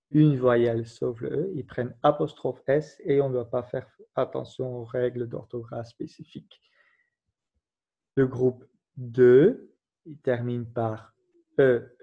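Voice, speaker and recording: A man giving a recorded grammar lesson, patiently explaining rules and spelling out letters one at a time. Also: mid-range voice. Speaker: teacher. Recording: dull lo-fi recording.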